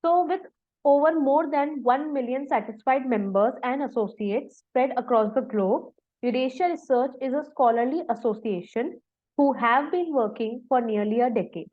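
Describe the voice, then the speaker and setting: A woman with a fairly high voice hosts an online conference. She reads a formal welcome politely over a video call. The audio sounds dull and lo-fi. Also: normal speed. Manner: polite, repeats thanks and okays. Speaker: conference host.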